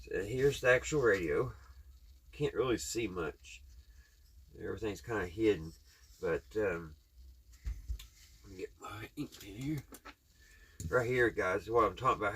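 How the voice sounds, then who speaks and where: Speaking a little slowly and pausing often, this man has a lowish, fairly bright voice in a slightly rough recording. A Kentucky native with a Southern accent, he hosts a hobby repair channel and addresses viewers in a plain, folksy, rambling way as he works by hand.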